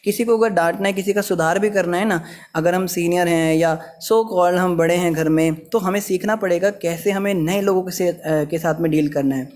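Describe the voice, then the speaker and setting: A man's voice: sits high, moderate pace, a little mellow. Man teaching a scripture class. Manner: explanatory, storytelling with everyday examples. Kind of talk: Hindi scripture class sermon.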